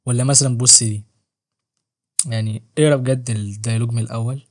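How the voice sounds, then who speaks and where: Egyptian male book vlogger, quick banter, mid-pitched, jokey and slangy. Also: steady tone. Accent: Egyptian Arabic. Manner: joking, slangy, self-mocking. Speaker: book reviewer and channel host. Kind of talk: casual book review vlog.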